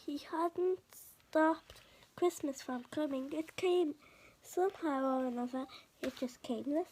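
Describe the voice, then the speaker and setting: Reading a kids' storybook for her podcast, this woman has a high voice with a darkish tone. Her narration is halting, with occasional stumbles and repeated words, over a faint hiss or hum.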